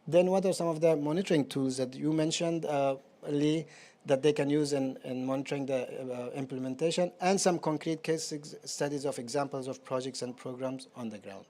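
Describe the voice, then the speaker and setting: Man presenting, mellow slightly raised voice, walks through a website step by step. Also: fairly high pitch, normal speed.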